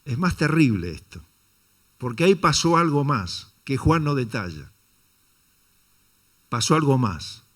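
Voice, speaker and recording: A man's voice: mid-range voice, very animated, a little slow, pauses often. A man preaching a Sunday sermon, asking the congregation rhetorical questions and calling them brother. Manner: dramatizes quotes with shifting intonation. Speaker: pastor.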